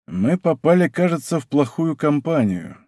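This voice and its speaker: A man's voice: a little high, sing-song, normal speed, darkish tone, no echo, clean studio sound. A man voicing a timid, anxious older male cardinal who frets in fear.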